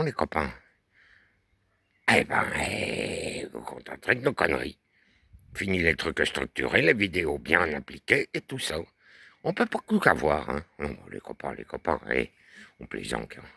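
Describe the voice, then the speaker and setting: A man with a very low, deep bass voice who bends his pitch all over as he jokes. His tone is bright and forward, the sound dry and close, and he drawls teasing, playful banter. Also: gravelly, slightly rough, no room sound. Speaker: puppet-show host. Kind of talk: improvised comic banter. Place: garden outdoors.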